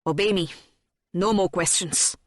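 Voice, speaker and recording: A woman's voice: lowish voice, a little slow, no room sound, clean studio sound. A woman reading the part of a stern young male prince in an audiobook, giving cold, clipped orders. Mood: commanding.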